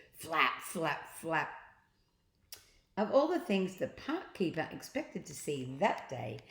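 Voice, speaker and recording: Taking her time through a children's book, a storyteller with a slightly low voice reads theatrically, acting out the sound effects. She chats to her listeners in asides as she narrates, and the room echoes around her.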